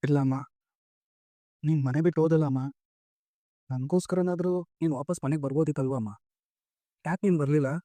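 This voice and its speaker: A man's voice: on the high side, fairly quick, long pauses, dark tone, no echo, lightly acted. Young man playing an earnest, pleading son. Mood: questioning. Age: young adult. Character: young son longing for his lost mother. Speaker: college-going son. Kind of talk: TV serial acting.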